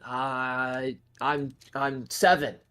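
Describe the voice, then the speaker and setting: A man's voice: medium pitch, flat delivery, drawn-out words, fairly bright tone, smooth. A man playing a seven-year-old imp who is meek, eager to please and evasive, stammering when pressed. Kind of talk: in-character tabletop role-play.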